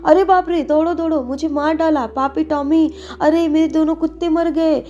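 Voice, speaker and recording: A frail old man whimpers and pants between complaints, as a woman reads him. His voice rides high and strained, all self-pity. He belongs to a narrated novel with faint music underneath. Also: steady tone, moderate pace, mellow, muffled recording, lightly acted. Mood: panicked screaming. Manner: whining, breathless pleading.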